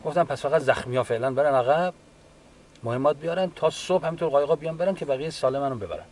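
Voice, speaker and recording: A man's voice: a little high, expressive, a little mellow. Veteran guy telling his war story, stops and restarts a lot, mic far off, faint room noise. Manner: halting, unhurried retelling with restarts. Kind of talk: personal war testimony. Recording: distant mic with faint background ambience.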